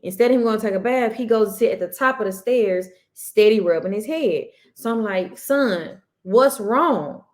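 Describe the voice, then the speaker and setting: A woman co-hosting a relaxed podcast. She speaks earnestly, at an everyday mid-range pitch, as she walks through a story about her son. She tends to back up and rephrase as she goes. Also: a little fast, hardly any pauses. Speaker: podcast co-host; mother. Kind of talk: casual storytelling chat.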